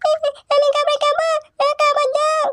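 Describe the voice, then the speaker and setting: Lady voicing a tiny squeaky cartoon kid, super high, whining for food over and over. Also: monotone, normal speed, fairly bright tone. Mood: whiny. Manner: whining, repeating demands. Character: whiny hungry little child begging for food. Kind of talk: cartoon voice acting.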